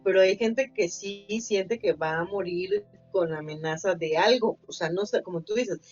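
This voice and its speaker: A woman's voice: lowish voice, normal speed, darkish tone. Woman telling a personal story. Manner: anecdotal, acts out quoted voices, many fillers. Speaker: podcast co-host. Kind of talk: casual podcast chat. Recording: slightly dull lo-fi, faint music bed.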